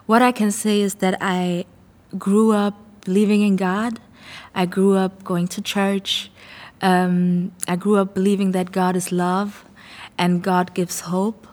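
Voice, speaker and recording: A woman's voice: medium pitch, level tone, slow, a little mellow, in a large hall. A young woman from Germany, a singer, speaking, answering interview questions in an earnest, thoughtful way as she searches for words. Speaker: singer and songwriter.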